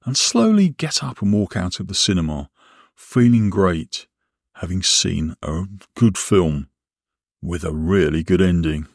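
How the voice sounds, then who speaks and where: A man narrating a guided relaxation and visualisation exercise as an instructor, in a measured, instructional way with deliberate pauses. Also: deep voice, lively intonation, dry recording, clean studio sound.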